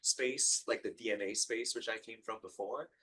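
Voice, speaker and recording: A man from Hong Kong answers questions on a live panel, halting and full of ums and restarts. His voice sits a little low and sounds husky. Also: pushed and bright, rough recording. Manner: hesitant, many fillers and restarts. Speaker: panelist, genetic counselor.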